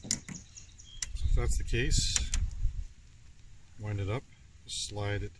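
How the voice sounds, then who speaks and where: A relaxed man in his forties talks through his fishing from a small boat on a lake. His voice sits a bit back from the camera mic. Loud outdoor noise and wind run underneath. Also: lowish voice, slow, far from the mic. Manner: relaxed, talks while casting and reeling. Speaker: outdoor vlogger. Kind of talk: casual fishing vlog. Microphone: action camera close to face.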